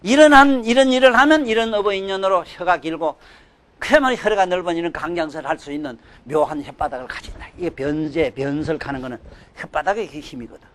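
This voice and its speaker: An older man giving a sermon, scolding and emphatic, swinging from loud outbursts to low mutters. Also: brisk. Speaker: Buddhist dharma teacher.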